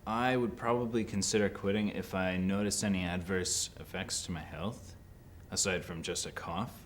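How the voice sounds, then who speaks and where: A young man in his early twenties with a very low, deep voice. He talks in a laid-back, skeptical, unhurried way. A faint hiss sits behind him. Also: fairly even intonation. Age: 20s. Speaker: interviewee. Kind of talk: candid interview answers.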